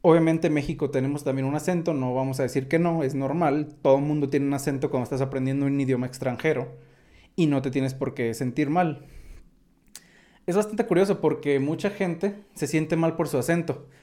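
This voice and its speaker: A man's voice: fairly high pitch, fairly even intonation, brisk, mellow. A man with a Mexican accent, chatting casually through tech news and drifting into asides. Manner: chatty, digressive, many fillers like "o sea".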